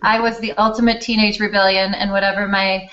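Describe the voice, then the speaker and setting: A Danish elementary school teacher tells her story in an interview, candid, self-deprecating and chatty. Her medium-pitched voice is flat, a little fast and fairly bright, captured on a slightly dull lo-fi recording.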